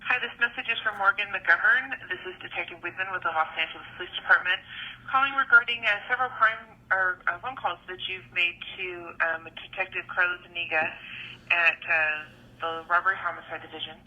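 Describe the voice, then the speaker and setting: A woman's voice: fairly low pitch, a little fast, pushed and bright. Woman detective leaving a lo-fi voicemail. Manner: formal, procedural, hesitant with fillers. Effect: voicemail message played back. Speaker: police detective. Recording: lo-fi telephone voicemail recording.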